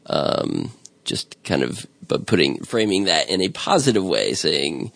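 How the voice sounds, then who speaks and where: A man's voice: sits low, sing-song, a little slow, vocal fry, a bit bright, no echo. A man hosting a casual podcast chat, talking in a rambling, amused way with many restarts. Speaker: podcast host.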